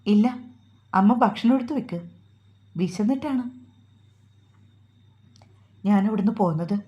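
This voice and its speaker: A woman's voice: medium pitch, unhurried, highs cut off, natural voice. A woman voicing a young husband, hungry and evasive, with short offhand replies.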